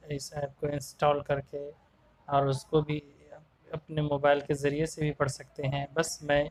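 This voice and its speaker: A man teaching a tajweed lesson to young children, explaining each term, repeating it slowly and sounding out single Arabic letters one by one. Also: on the high side, rough recording. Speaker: Quran teacher.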